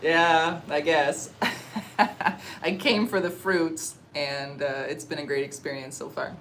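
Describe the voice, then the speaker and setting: A young Canadian woman talks casually into her phone on a livestream, pausing to eat and hum with enjoyment. Her voice sits on the lower side and her manner is relaxed and chatty. A faint hum of ambient noise runs behind her. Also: low-quality recording. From Canada (Ontario). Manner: relaxed, chatty, eating on stream with murmurs of enjoyment. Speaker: livestream vlogger. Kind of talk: casual livestream chat reading comments. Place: outdoors or open space in a warm country.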